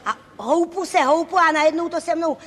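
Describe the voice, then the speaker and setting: A woman playing a giddy girl stuck up on a swing. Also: very high-pitched. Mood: teasing. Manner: playful, teasing, mock-panicked. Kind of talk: stage comedy sketch. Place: theatre stage before an audience. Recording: reverberant hall with faint noise.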